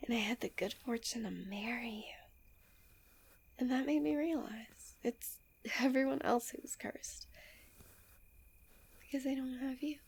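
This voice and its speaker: A woman voicing a doting, possessive fox-spirit wife in a soft, breathy ASMR role-play, speaking gently, intimately and soothingly. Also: fairly high pitch, measured pace, pauses often, heavily acted. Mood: adoring, tender.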